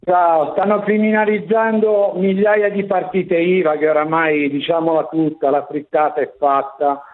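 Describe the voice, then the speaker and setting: A man's voice: on the high side, level tone, moderate pace. A man from Turin calling into a radio show on speakerphone, complaining and hard to make out. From Turin, Italy. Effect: heard over a phone on speakerphone. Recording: tinny speakerphone line.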